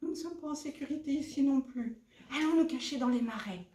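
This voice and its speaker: A woman's voice: high-pitched, a little fast, warm tone, voice pushed up, close to an everyday voice. A woman voicing a young son fish, earnest and urgent, in a roomy, distant recording.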